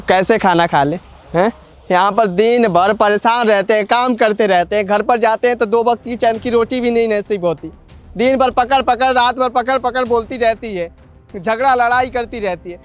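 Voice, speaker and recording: A man's voice: high-pitched, natural voice. A man playing an irritable, overworked young husband who snaps curtly at his wife. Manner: curt, exasperated. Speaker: actor in a comedy skit.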